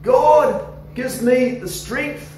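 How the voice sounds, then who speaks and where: A man in his forties with an Australian accent, preaching an animated sermon into a handheld microphone in a church hall. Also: very high-pitched, extremely slow. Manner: animated, gesturing, coaxing the congregation. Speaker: pastor. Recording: echoey hall, somewhat distant, faint noise.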